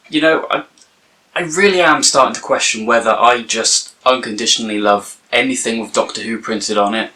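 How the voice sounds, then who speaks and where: Bright-voiced man rambling. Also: on the low side. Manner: rambling, hesitant with many fillers. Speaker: YouTube reviewer. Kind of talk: casual rambling review.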